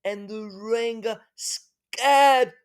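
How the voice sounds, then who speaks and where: A man's voice: high voice, drawn-out words, smooth. A man playing a father who rambles through a wild adventure story, full of fillers and tag questions.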